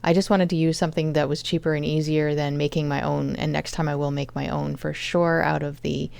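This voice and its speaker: A woman's voice: low voice, little pitch movement, brisk, creaky, darkish tone, no echo. A woman casually narrating her home cooking vlog, explaining each step as she goes. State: chronic fatigue.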